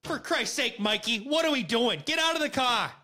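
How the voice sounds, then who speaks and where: A man's voice: very high-pitched, lively intonation, brisk, bright, forceful tone, pitched above the performer's own voice, exaggerated voice. Man putting on a fed-up Boston cop. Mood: exasperated. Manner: scolding, fed-up. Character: exasperated small-town male cop.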